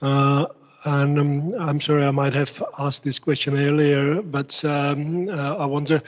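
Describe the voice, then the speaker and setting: Male questioner, slow and hesitant, reverberant hall. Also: a little high, little pitch movement. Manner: hesitant, many fillers. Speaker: audience questioner. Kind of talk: audience question at forum. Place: conference hall.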